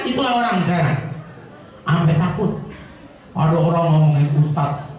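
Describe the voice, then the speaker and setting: A male preacher tells a story with humor and keeps asking his listeners rhetorical questions. His voice sits high. The sound comes from a distance and rings through a very echoey hall. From Indonesia. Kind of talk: sermon.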